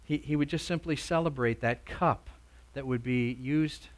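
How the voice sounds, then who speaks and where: A man preaching a sermon, emphatic and repeating words for stress, swinging between loud urging and soft asides. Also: mid-range voice, normal speed.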